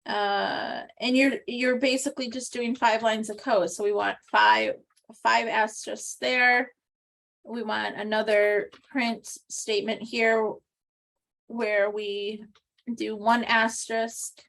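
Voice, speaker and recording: A woman's voice: on the high side, little pitch movement, slow pace, gravelly, fairly bright tone. A woman teaching an online class, explaining step by step with frequent ums and restarts over a video call. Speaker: instructor. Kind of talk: recorded online class walkthrough.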